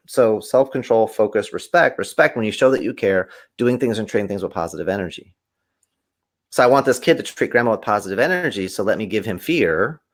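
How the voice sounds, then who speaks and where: A man, a podcast guest, telling stories animatedly in conversation and acting out quoted voices with big swings in pitch. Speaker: podcast guest, kung fu teacher.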